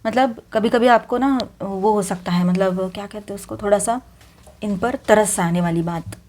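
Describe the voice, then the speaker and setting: Here a woman delivers a tarot reading straight to her audience in a chatty style, mixing English into her Hindi and restarting sentences often, with plenty of fillers. She has a Hindi accent, a medium-pitched, darkish voice, and a moderate pace.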